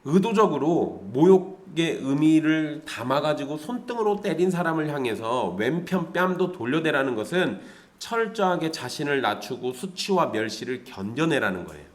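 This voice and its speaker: Male pastor, sermon, fairly high voice, very animated pitch, rhetorical questions to the congregation. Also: normal speed. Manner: lively, conversational preaching with rhetorical questions to the congregation.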